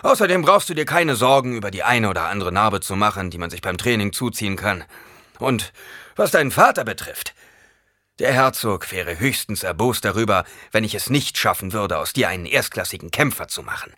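A man voicing a stern, forceful weapons master. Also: on the low side, very animated, brisk, dry recording, clean studio sound. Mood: stern, scolding. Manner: forceful, raised and scolding. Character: stern grown male weapons master, gruff and intense.

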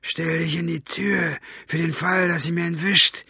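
A man reading aloud and voicing a brutal, bullying male henchman who barks contemptuous threats in a raised, higher voice. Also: fairly even intonation, a little fast, a bit bright, no room sound, studio quality. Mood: threatening.

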